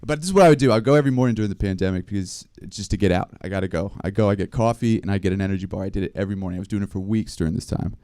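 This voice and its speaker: A man performing a stand-up set, spinning rambling anecdotes with a deadpan delivery. His tone is dark and mellow. The recording is dry and close. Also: fairly low pitch, very fast, hardly any pauses, dry recording. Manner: deadpan, rambling storytelling with small laughs. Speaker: stand-up comedian. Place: live comedy stream venue.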